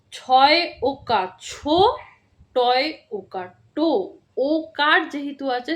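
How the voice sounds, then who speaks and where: A woman teacher giving a children's reading lesson, patiently spelling words out syllable by syllable. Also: sits high. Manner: slow syllable-by-syllable spelling drills, instructive and patient.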